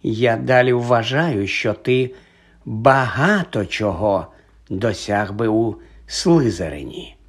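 A man voicing a shrewd, calm old magical talking hat in an audiobook, speaking slowly and quietly in a husky voice. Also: fairly low pitch, heavily acted. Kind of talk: audiobook character voice.

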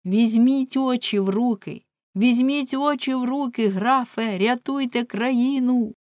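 A woman's voice: fairly low pitch, steady tone, moderate pace, a little mellow, dry recording, clean studio sound, close to an everyday voice. A woman reading a bold young jester's warnings. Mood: urging. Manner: pleading, urgent, mocking warnings. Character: bold young male jester, prophet of doom.

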